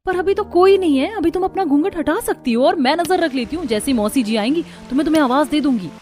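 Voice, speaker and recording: A woman's voice: high-pitched, fast talker, darkish tone, close to an everyday voice. Frank young city bride, voiced by a woman. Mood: persuasive. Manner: frank, persuasive. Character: outspoken young city daughter-in-law. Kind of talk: cartoon dubbing.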